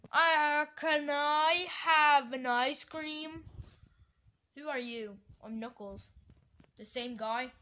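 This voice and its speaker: A woman acting out a comic game roleplay in several voices. She is excitable, bursts into loud shouts, and fills gaps with playful sound effects and sing-song bits. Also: medium pitch, a little hiss or hum.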